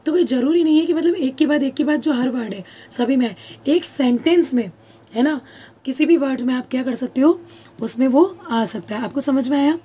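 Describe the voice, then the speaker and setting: High-voiced teacher lady, husky, keeps asking then answering herself. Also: normal speed, warm tone. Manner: asks questions and answers them herself, repeats key terms. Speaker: English teacher. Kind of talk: classroom-style lesson.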